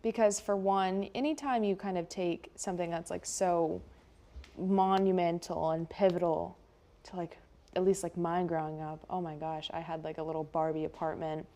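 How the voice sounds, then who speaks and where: In a mellow, low-leaning voice with a steady tone and moderate pace, an American-accented woman co-hosts a TV news show. The studio chat is unscripted and informal, and she keeps saying "like" and "oh my gosh."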